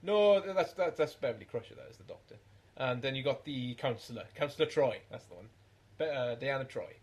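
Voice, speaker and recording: A man's voice: medium pitch, lively intonation, brisk, a little mellow. A man co-hosting a podcast in casual chat who rambles and searches for words. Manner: rambling, loses words, trails off with fillers. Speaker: podcast co-host.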